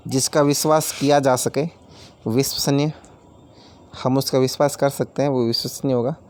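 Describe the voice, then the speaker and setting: A man's voice: medium pitch, darkish tone, clear, resonant tone. A man teaching a grammar lesson, explaining each word with everyday examples and repeating key terms, addressing viewers as friends.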